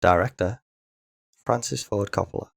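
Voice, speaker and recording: A man with a gravelly voice running a quiz in a podcast, answering in a terse, deadpan way. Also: on the low side, normal speed, no echo, studio quality. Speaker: podcast co-host, quizmaster. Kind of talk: casual chat.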